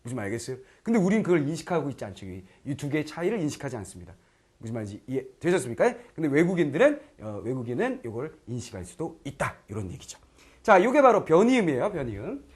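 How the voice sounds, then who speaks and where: A man's voice: a little high, fast talker, slightly rough. A middle-aged man teaching Korean grammar in an online lecture, often asking if students follow and acting out learners' lines. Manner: lively, keeps checking students understand; acts out foreign learners' lines in quoted voices.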